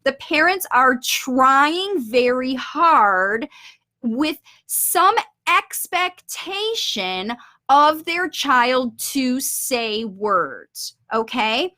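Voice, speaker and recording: A middle-aged woman speaks into her webcam from a home office, reading out parents' questions and explaining her answers patiently. Her voice is bright and sits a little high, and she pauses now and then to correct what she reads. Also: expressive. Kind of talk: video Q&A, reading parent questions aloud and commenting. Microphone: webcam on a video call.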